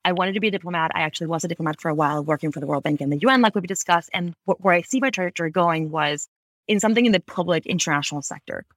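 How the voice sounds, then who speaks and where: Talking about her career on a podcast, this Ecuadorian woman in her thirties has a fairly low, slightly bright voice recorded without echo. She is quick and articulate, frequently correcting herself mid-sentence, in a conversational interview set in a Bay Area home office.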